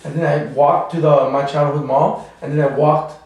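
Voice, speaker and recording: Speaking at a normal speed, this man from El Salvador has a slightly high, somewhat mellow voice with little pitch movement, and the sound is lo-fi. A comedian guest on a laid-back podcast, he spins meandering, slang-filled stories and frequently breaks into laughter. The room echoes and the microphone is far off.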